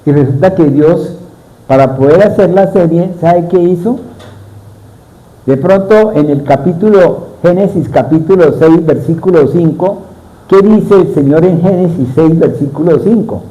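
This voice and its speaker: A man's voice: a little high, measured pace, warm tone, poor audio. A middle-aged man preaching a sermon, often putting questions to his congregation.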